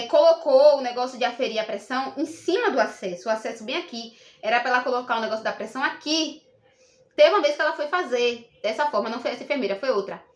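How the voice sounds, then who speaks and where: Indignant and emphatic, a young Brazilian vlogger recounts a personal story to camera, keeping it casual but repeating her points. She has a Brazilian Portuguese accent and a high-pitched voice, and the recording is reverberant.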